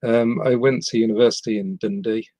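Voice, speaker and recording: A middle-aged man from England's West Midlands, with an English rather than Scottish accent, guests on a podcast in a casual interview chat. His mid-range voice is dark in tone, fairly quick and fairly even in intonation, and he speaks hesitantly with frequent ums and restarts. There is no echo.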